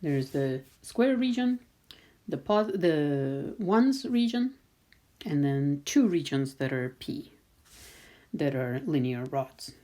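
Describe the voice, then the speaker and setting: In a low, mellow voice with big swings in pitch, a woman works through a math lesson on a screen recording. She speaks slowly and patiently, thinking out loud while she draws.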